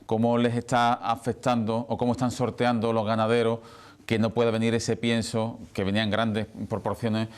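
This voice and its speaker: A man's voice: medium pitch, flat delivery, moderate pace, clean tone. A man working as an interviewer, putting formal questions in a broadcast interview.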